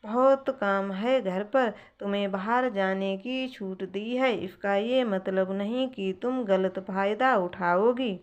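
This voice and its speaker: A woman's voice: mid-range voice, slow, hardly any pauses, clear, resonant tone, highs cut off, close to an everyday voice. A woman voicing a strict middle-aged aunt who scolds in a storybook tale. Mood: scolding. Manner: bossy, scolding.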